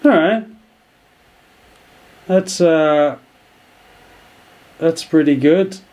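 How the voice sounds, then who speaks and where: A man's voice: fairly high pitch, drawn-out words, a little mellow. A man in his thirties talking through a video edit, thinking aloud with many fillers and restarts. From Netherlands. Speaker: video editing tutor. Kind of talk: screen-recorded tutorial narration.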